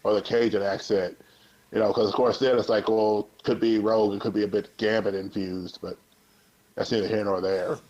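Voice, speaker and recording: A man's voice: on the low side, level tone, normal speed, a little mellow. A man hosting a casual podcast chat, laid-back and thoughtful as he gives his thoughts on a character. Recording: slightly muffled lo-fi audio.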